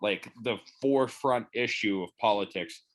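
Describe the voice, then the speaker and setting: A man's voice: on the low side, normal speed. Casual podcast guest: a young man in his late twenties, outspoken and profane. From Canada. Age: 20s. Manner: blunt, swears freely, animated. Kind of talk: casual chat.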